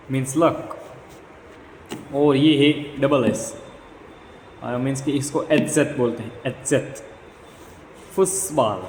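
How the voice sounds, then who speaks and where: A man explaining his beginner language notes in a relaxed, halting way, thinking aloud with fillers. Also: medium pitch, big-room sound, a little hiss or hum. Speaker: language learner sharing notes. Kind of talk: casual vlog explaining notes.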